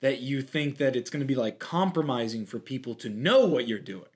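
A man co-hosting a podcast, chatting casually and airing opinions with lively asides. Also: medium pitch. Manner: animated, opinionated, quick asides. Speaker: podcast co-host. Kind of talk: casual chat.

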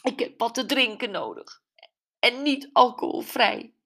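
A woman voicing an upset, bitter woman who rages about her ex-husband in a shrill, agitated voice. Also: expressive, a little slow, fairly bright tone. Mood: upset, indignant.

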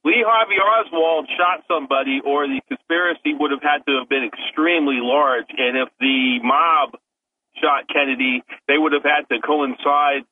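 A man's voice: on the high side, moderate pace. A man calling in to a radio show over a phone line, talking in a wry, mock-serious way with frequent ums. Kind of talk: call-in talk radio. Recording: tinny phone line, faint hiss.

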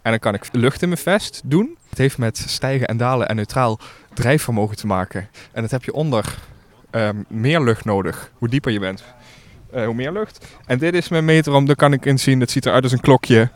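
A man's voice: mid-range voice, fairly quick. Matter-of-fact diver man. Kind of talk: explaining gear casually. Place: outdoors by a lake in rain.

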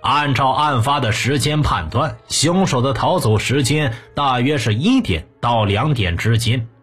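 Over a music bed, a man narrates scripted true crime stories about criminal cases in a storytelling manner. His medium-pitched voice is a bit bright with a breathy edge.

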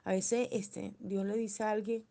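A woman's voice: mid-range voice, little pitch movement, measured pace, gravelly, warm tone. A woman preaching a sermon, telling stories with frequent filler words.

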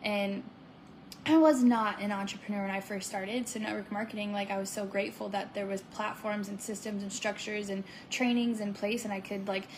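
A woman's voice: medium pitch, fairly even intonation, moderate pace, noisy background. A woman co-hosting a casual podcast chat, upbeat and salesy, with lots of "like" and "right?". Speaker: podcast co-host.

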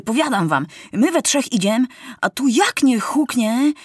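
A woman's voice: a little high, dry recording, studio quality, pitched above the performer's own voice. A woman playing a bold, streetwise boy. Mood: excited. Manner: brisk, lively storytelling.

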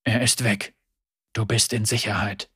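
A wry male gunfighter who speaks low and hushed, understated and dry in his replies, as the narrator puts him on. The storybook recording is dry and close. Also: takes it slowly, slightly rough, no room sound, full character voice. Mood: quiet low.

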